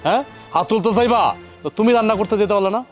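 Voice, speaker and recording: A man's voice: high voice, rapid-fire, natural voice. An actor playing an angry young husband who scolds his sister-in-law, with a colloquial Bangladeshi Bengali accent. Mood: indignant. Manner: indignant, scolding. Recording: with faint background music.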